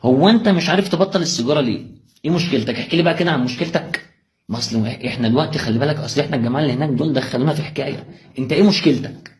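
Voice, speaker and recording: A man's voice: mid-range voice, rapid-fire. A young man with an Egyptian accent gives an impassioned motivational religious talk, firing rhetorical questions straight at the listener. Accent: Egyptian Arabic. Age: young adult.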